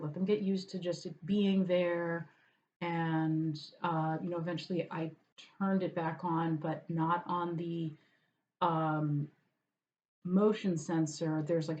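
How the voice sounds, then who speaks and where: A woman's voice: lowish voice, a little mellow. Chatty woman with a muffled, lo-fi sound. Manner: chatty, meandering, talks to her cat aside. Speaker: vlogger. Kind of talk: casual chat over lunch. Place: at home.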